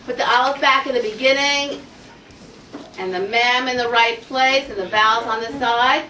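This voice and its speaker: High-voiced woman teaching a classroom lesson. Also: normal speed, slight background noise. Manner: energetic, coaxing, asks the class many questions. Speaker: Hebrew teacher. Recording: roomy classroom audio from far off.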